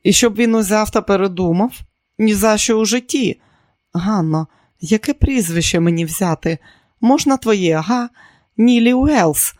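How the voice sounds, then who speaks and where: A man putting on a gushing, excitable young woman. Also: moderate pace, no room sound, studio quality, close to an everyday voice. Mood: eager. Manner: gushing, breathless, high-strung. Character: impulsive excitable young woman, a chorus dancer.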